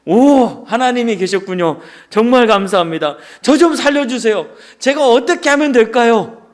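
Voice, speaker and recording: A man voicing a panicked man who hangs from a cliff branch and shouts desperately for help. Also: very high voice, lively intonation, moderate pace, voice pushed up. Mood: relieved pleading.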